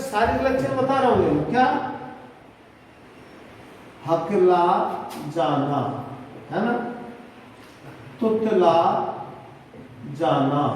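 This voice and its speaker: A man's voice: high-pitched, a little mellow, a little hiss or hum. A male psychology teacher giving an exam-prep lecture, explaining step by step and checking in with rhetorical questions. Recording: echoey room, distant mic, faint background.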